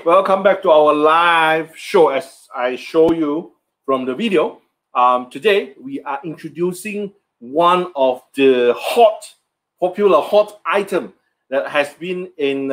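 A middle-aged man with a high, slightly bright voice hosts a live cooking stream, loosely chatting as he sells an air fryer, his sales talk casual and sprinkled with grammar slips. He stands indoors in a home kitchen set with a product backdrop, framed from the waist up with a stand mic in front of him.

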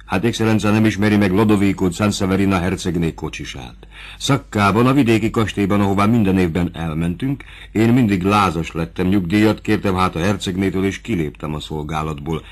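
A man reading an audiobook, voicing a humble, devoted former coachman in a plain, earnest tone. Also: low-pitched. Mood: boastful.

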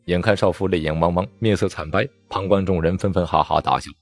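A man narrating a novel audiobook with expressive storytelling. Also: sits low, brisk, no echo, faint music behind.

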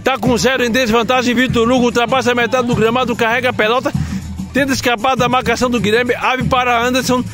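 A man giving rapid play-by-play commentary on an amateur football match at night, shouting out the goals. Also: very high-pitched, level tone, music in the background. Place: outdoor floodlit football pitch at night. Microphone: handheld phone camera.

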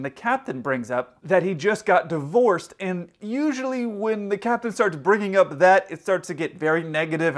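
Male pilot in his thirties, slightly raised pitch, chatty vlog storyteller on camera from a hotel room. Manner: animated, acts out other people's lines in quick quoted bits. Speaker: airline pilot telling stories.

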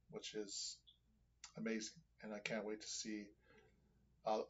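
A man's voice: medium pitch, gravelly, slightly rough, dull audio. A man hosting a music reaction video, talking to his viewers in a casual, enthusiastic and rambling way.

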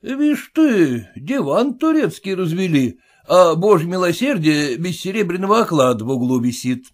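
A man's voice: sits high, very animated, normal speed, pitched above the performer's own voice. A man reading an audiobook, voicing a rude, prying merchant landlord who bullies his tenants. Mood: blustering.

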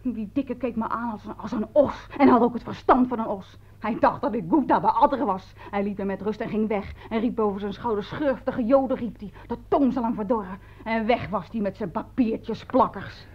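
An actress playing a young orphaned servant girl in an old radio play, telling her story excitedly and stumbling over her words. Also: on the high side, moderate pace, hardly any pauses, slightly rough. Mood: agitated. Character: young orphaned female servant, fiery and devoted. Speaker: household servant. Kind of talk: 1950s-style radio drama acting. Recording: dull old radio recording.

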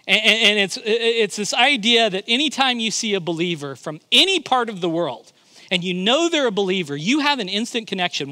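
A man's voice: high-pitched, pushed and bright, dry recording. A male pastor preaching a sermon, emphatic and often repeating his words as he begins a thought.

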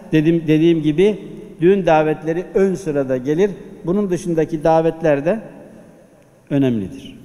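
Rhetorical questions drive this Friday sermon, as a preacher exhorts his congregation from the pulpit mic. His voice is high and warm, and the sound trails off in a long hall reverb.

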